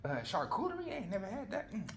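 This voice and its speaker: A man putting on a carefree, easygoing man who relishes a feast in a relaxed, delighted way. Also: high-pitched, fast talker, gravelly, noisy background, pitched above the performer's own voice, heavily acted. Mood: savoring.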